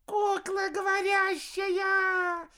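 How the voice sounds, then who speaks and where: A man voicing a gang of tiny, excited otter-like creature children who chatter in squeaks. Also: extremely slow, heavily acted.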